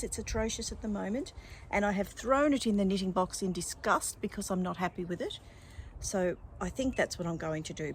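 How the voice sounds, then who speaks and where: A woman's voice: medium pitch, a little mellow, a little hiss or hum. An older woman with an Australian accent chatting casually and effusively to her vlog viewers. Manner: effusive, addresses listeners as darlings. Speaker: vlogger.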